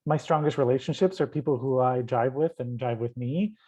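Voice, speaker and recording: A woman's voice: extremely low pitch, brisk, warm tone, husky. A woman with a Canadian accent, a vendor speaking casually on a panel over a video call. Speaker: invitation designer. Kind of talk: panel discussion. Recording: dull lo-fi video call audio.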